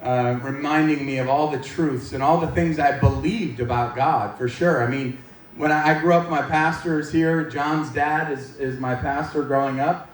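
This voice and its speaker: Speaking at a moderate pace with a steady tone and fairly high pitch, a Maine man in his forties shares his personal testimony as a church guest speaker. He keeps it informal, cracking jokes at his own expense for the gathered audience. The recording comes from a distant mic in a big echoey room, with faint noise.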